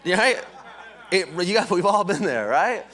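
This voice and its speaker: A man giving a live motivational training talk at a conference, energetic, often asking "right?" and throwing questions to the audience. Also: sits high, moderate pace. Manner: energetic, keeps checking in with "right?". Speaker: sales leadership trainer. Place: conference hall, indoors.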